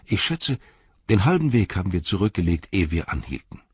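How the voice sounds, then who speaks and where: A man's voice: deep voice, very animated, a little fast, breathy edge, no echo, highs cut off, full character voice. A man doing a weary, stubborn hobbit. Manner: defiant, dogged.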